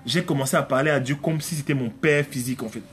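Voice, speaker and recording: A man's voice: medium pitch, fast talker, fairly bright tone, slight background noise. A man preaching a conversational sermon at home, emphatic and repetitive, often acting out prayers and little dialogues. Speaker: pastor. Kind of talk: conversational live-streamed sermon.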